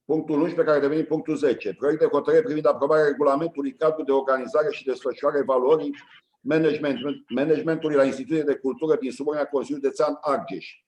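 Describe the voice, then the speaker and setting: A man chairing a county council meeting, reading out agenda items and calling votes in a brisk, routine way. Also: a little high, fairly even intonation, darkish tone, rough recording. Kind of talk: formal procedural chairing.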